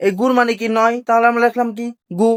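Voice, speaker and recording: A woman's voice: a little high, completely flat delivery, quick pace, clear, resonant tone. A woman teaching a Korean language lesson, asking the class a question after each point and answering it herself.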